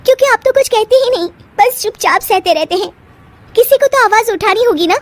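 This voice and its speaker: A woman voicing a sharp-tongued, defiant young wife in a cartoon, with shrill retorts. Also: animated, moderate pace. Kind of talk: cartoon voice acting.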